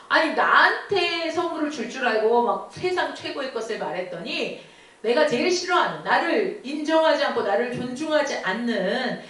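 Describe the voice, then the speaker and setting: A woman preaching to a youth group, retelling a scripture story with lively questions to the students. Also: high-pitched. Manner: animated, asks the listeners questions. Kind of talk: storytelling sermon. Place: church. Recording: echoey church hall from far off.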